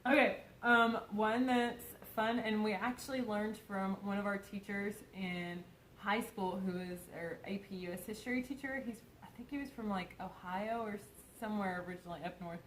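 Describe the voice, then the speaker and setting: A woman's voice: mid-range voice, fairly even intonation, moderate pace, a bit bright, reverberant, a little hiss or hum, poor audio. Giggly young woman with mild Kentucky accent. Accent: mild Kentucky Southern. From Kentucky, USA. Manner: chatty, giggly. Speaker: co-host. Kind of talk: casual chat.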